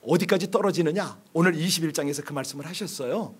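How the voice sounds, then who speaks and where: A man with a notably high voice preaches a sermon from a church pulpit. He drives his points home with rhetorical questions, drops to near-murmurs, then climbs back to loud, pressing emphasis. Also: fast, slightly rough. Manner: swings between quiet, low asides and loud, pressing emphasis. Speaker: pastor. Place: church sanctuary.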